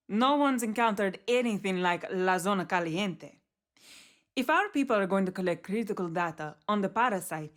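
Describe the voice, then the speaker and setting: An actress voices a brisk, sharp-minded female scientist and engineer in a video game, briefing operators about an alien parasite she studies in a matter-of-fact, technical way that sounds proud and enthusiastic. Her mid-range voice carries a Spanish accent and is processed, clean studio sound turned into thin, band-limited radio with some long hall reverb.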